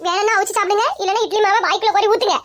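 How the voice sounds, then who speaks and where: Resentful, hurt young bride with a Kanyakumari Tamil accent, played by a woman, high-pitched and rapid. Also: fairly even intonation, a bit bright, a little hiss or hum. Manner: resentful, pleading.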